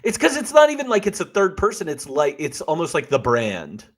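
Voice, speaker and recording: A man's voice: a little high, wildly swooping pitch, brisk. A man co-hosting a podcast, chatting casually about a movie and laughing readily. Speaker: podcast co-host. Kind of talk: casual film discussion.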